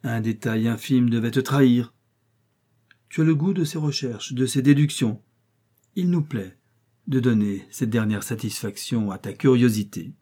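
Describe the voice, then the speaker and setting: A menacing master criminal, cold and gloating, delivering slow, measured pronouncements in an audiobook, as a male narrator puts him on. The voice is dark and a little husky. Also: mid-range voice, close to an everyday voice.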